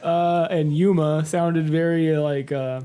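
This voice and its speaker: A man's voice: on the high side, fairly even intonation, a little slow, dark tone, clean tone. A young man, a guest on a podcast, chatting casually and rambling with lots of "like" and "uh". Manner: rambling, full of "like" and "uh". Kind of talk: casual chat.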